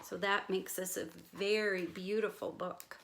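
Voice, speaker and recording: At a measured pace, a woman with a gravelly, medium-pitched voice reads a picture book to young children like a teacher, over a little hiss or hum. She tells it carefully and expressively, with explanatory asides and gentle questions.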